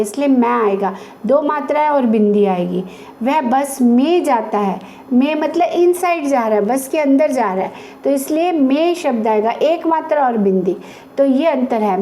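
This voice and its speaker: High-voiced woman teaching Hindi spelling. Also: mellow, a little hiss or hum. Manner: patient, repeats example words slowly. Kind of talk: explaining a grammar lesson to children.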